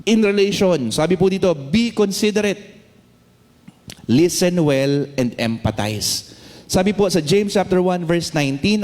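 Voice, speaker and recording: A man with a Filipino accent preaching a sermon, switching between English and Tagalog, reading Bible verses slowly and often checking in with "no?". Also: high voice, a little mellow. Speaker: pastor. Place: church hall. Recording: long hall reverb.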